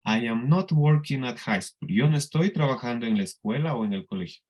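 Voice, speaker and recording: A man teaching an English class in Spanish with a Colombian accent, explaining slowly and patiently and often checking that the students follow. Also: mid-range voice, lively intonation, darkish tone. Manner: slow, patient explaining with frequent checks for understanding. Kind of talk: classroom lesson.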